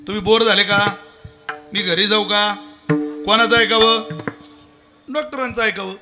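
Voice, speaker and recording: A man's voice: high voice, normal speed, music in the background. A man preaching a devotional kirtan sermon, telling humorous stories and quoting scripture. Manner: animated, humorous, quotes scripture.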